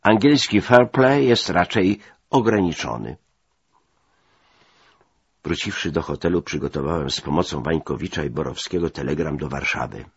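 A man narrating a memoir in measured, first-person scripted storytelling. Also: a bass voice, lively intonation, husky, no echo, dull audio.

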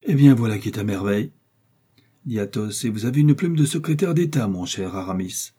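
A man's voice: fairly low pitch, expressive, brisk, warm tone, slightly rough. A man reading Athos, a grave stern musketeer.

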